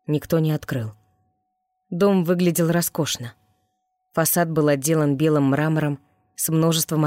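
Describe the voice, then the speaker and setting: A narrator reading a fantasy audiobook in a measured, descriptive way. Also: medium pitch, darkish tone, no echo.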